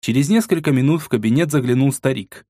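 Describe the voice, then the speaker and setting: A man's voice: medium pitch, fast, warm tone, no echo, clean studio sound. Male narrator reading a dramatic audiobook. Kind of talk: scripted narration.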